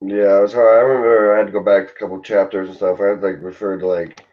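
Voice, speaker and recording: A man's voice: fairly low pitch, level tone, fast. A young man student in a casual group discussion, talking loosely and hesitantly with many fillers, on dull lo-fi audio.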